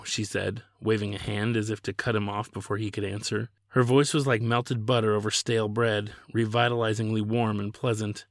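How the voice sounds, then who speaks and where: A man, the author, reading his own novel aloud in a steady, measured way. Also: fairly low pitch, vocal fry, no room sound, clean studio sound. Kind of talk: audiobook narration.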